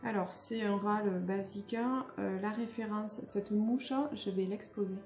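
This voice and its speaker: Young woman vlogger, casual and halting, mellow tone, echoey room with faint music. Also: mid-range voice, little pitch movement. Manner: hesitant, many fillers and restarts. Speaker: beauty vlogger. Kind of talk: casual unboxing chat.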